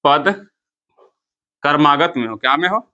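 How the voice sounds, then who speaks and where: Man, math teacher, Bihari Hindi accent, fairly high voice, bright tone, repeats key terms, counts step by step. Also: unhurried, dull audio. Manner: asks the class questions and answers them himself. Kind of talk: classroom lecture.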